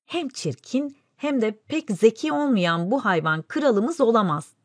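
A woman's voice: fairly high pitch, lively intonation, measured pace, darkish tone, slightly rough, no echo, studio quality. A woman voicing a scornful old male crow who judges others dismissively.

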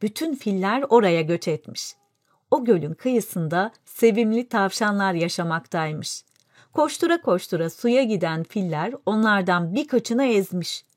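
A woman narrating a folk fable in a clear, even storytelling delivery. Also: medium pitch, unhurried, no room sound, studio quality. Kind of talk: scripted fairy-tale narration.

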